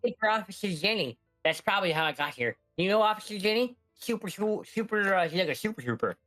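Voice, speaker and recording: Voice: mid-range voice, expressive, fast talker, fairly bright tone, no echo, faint music behind. A flippant, playful player chatting casually and role-playing in a tabletop game.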